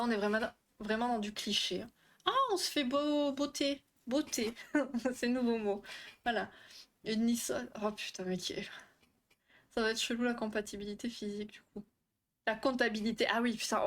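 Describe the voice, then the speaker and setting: A young woman hosting a casual live stream, chatty and quick to swear, often tripping over her words while she answers the chat. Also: mid-range voice, fairly bright tone. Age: young adult. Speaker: livestream host on relationships.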